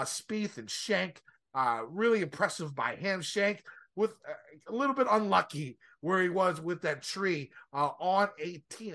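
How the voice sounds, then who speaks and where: A man's voice: high-pitched, bright, forceful tone. A man co-hosting a golf podcast, giving a casual, stop-start, rambling recap of tournament play. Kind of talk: casual sports recap commentary.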